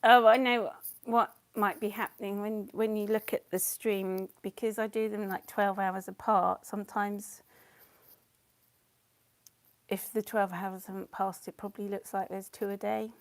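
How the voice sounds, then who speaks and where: Painting live for viewers, a woman chats casually, laughs a lot, and responds to comments, her voice partly gone and interrupted by coughs. Her mid-range voice is flat and measured, with no echo around it.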